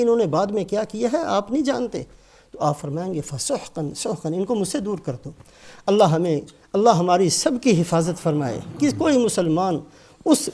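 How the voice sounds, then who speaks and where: Dramatic preacher, high mellow voice. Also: male voice. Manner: dramatic, voices quoted figures with rising and falling intensity; recites Arabic phrases slowly and deliberately. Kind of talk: Friday sermon storytelling.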